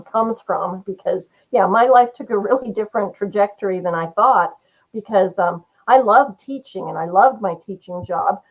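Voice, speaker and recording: A woman's voice: medium pitch, poor audio. A middle-aged woman, a guest author on a podcast interview, talking in an earnest, rambling way with lots of fillers. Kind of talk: casual interview chat.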